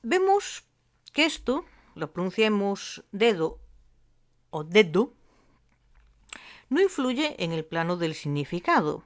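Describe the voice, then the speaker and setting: A woman gives a phonetics lesson. She speaks very slowly and deliberately, pausing between each term as she breaks sounds down. Her voice sits at a middle pitch. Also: big pitch swings. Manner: slow and deliberate, spelling out sounds with pauses. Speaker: language teacher.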